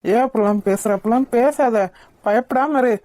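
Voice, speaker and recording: A woman voicing a protective young male hero in a cartoon, who lectures sternly and then comforts gently. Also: fairly high pitch, normal speed, no echo, close to an everyday voice. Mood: soothing. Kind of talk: cartoon voice acting.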